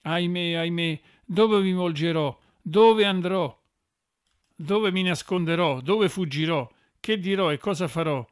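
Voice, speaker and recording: A man's voice: sits high, a little slow, clear, resonant tone, no room sound, studio quality. A man voicing a despairing old sinful woman who laments and pleads, read as an audiobook. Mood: anguished lament. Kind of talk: audiobook reading.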